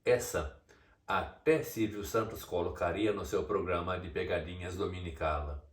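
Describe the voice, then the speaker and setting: A man's voice: low voice, fairly even intonation, normal speed. A man reading a scripted video essay, explaining step by step and asking mocking rhetorical questions. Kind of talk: scripted narration. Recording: echoey room, distant mic.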